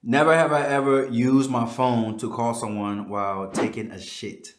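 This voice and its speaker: A man's voice: medium pitch, steady tone, moderate pace, reverberant, noisy background. A man in casual chat with his wife, teasing and laughing a lot while eating. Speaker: co-host of a couple's channel.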